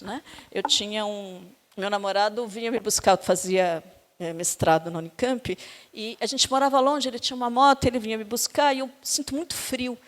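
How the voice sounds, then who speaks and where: A middle-aged woman with a Brazilian Portuguese accent, giving a university lecture on education and telling personal anecdotes. She tells her stories in an animated way and acts out the quoted dialogue. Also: a little high. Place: lecture hall. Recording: long hall reverb.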